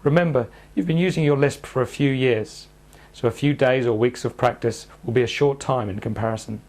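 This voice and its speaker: Calm male speech therapist narrating. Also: medium pitch. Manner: calm, measured, step-by-step coaching. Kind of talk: instructional narration.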